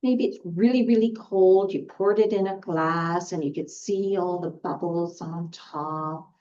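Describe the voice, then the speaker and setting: A woman facilitator teaching a skills lesson, guiding gently with fillers and restarts. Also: on the low side, unhurried. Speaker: group facilitator. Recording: dull lo-fi recording.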